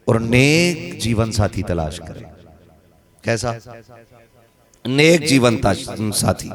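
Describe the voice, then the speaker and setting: A man with a western Uttar Pradesh accent preaching a sermon at a village gathering, teasing the listeners with humour and strong emphasis. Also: medium pitch. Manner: humorous, teasing the audience, rising and falling emphasis. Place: crowded gathering. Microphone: microphone on a stand. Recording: crowd noise behind.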